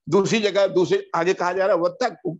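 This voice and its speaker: A man gives a word-by-word Arabic grammar lesson in a somewhat high voice. He draws out each Arabic word slowly, then hurries through the explanation. The recording sounds dull and lo-fi. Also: fairly even intonation. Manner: drawn-out recitation of Arabic words between quick explanations. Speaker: Quran Arabic teacher.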